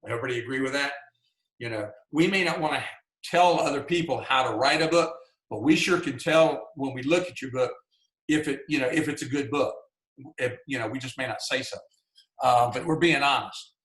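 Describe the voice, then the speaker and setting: Southern guy teaching a writers workshop on a video call, folksy chatty style, mid pitch, echoey room sound. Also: brisk, fairly bright tone. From Georgia, US. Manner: folksy and conversational, many "you know"s. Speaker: workshop presenter. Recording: roomy echo.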